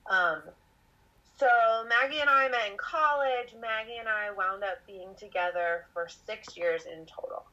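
On a podcast, a twenty-eight-year-old woman tells casual stories in a rambling, self-reflective way, laughing now and then. Her mid-range voice is unhurried with a sharp tone, though the audio itself is dull.

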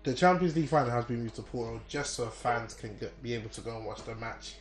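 A man's voice: mid-range voice, fast, roomy sound. A man with an urban London roadman accent, bantering casually and peppering his talk with slang as a sports presenter. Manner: slangy, ends phrases with bro and fam.

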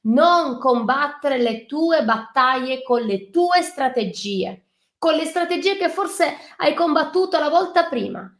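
A woman's voice: sits high, expressive, slow, echoey room. A woman preaching a fervent sermon, reading scripture aloud and exhorting the listener directly. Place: online live stream.

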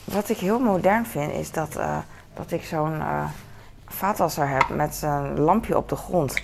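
A woman with a low, gravelly voice chats casually while doing chores in her kitchen. She rambles with many fillers and talks half to herself. Dishes and cutlery clatter clearly behind her. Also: a little slow, a little hiss or hum. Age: adult with a son. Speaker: vlogger. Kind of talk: casual chat to camera. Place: home kitchen.

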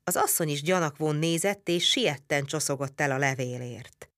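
A woman reads a historical novel in a measured storytelling voice. Her pitch sits a little low, yet the tone is bright and forward. The recording is dry and close, with no room sound. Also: dry recording. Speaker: audiobook narrator. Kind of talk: audiobook reading of a historical novel.

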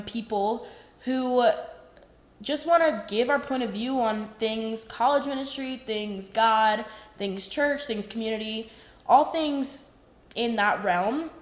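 A woman in her early twenties with an American accent, chatting informally as a podcast co-host. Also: mid-range voice. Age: early 20s. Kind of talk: casual chat. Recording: roomy, echoing room sound.

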